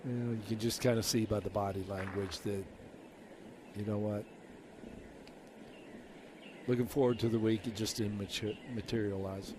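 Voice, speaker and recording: Lower-voiced male golf commentator over outdoor noise. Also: steady tone, normal speed, long pauses.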